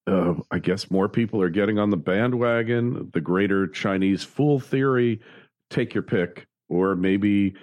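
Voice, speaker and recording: Male co-host, very low voice, dry sarcastic market chat. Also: no room sound. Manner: relaxed, wry and sarcastic. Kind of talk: casual market commentary.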